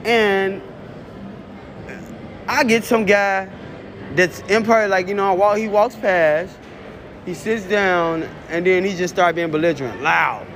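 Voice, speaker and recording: High-voiced man. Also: takes it slowly, pauses often, fairly bright tone, a little hiss or hum. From Chicago. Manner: profane, rambling storytelling. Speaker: show host. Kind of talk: casual monologue.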